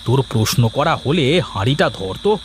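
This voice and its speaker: A man's voice: medium pitch, sing-song, brisk, a little hiss or hum, close to an everyday voice. Man voicing a scheming, idle young villager, sly mutters. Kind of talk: cartoon voice acting.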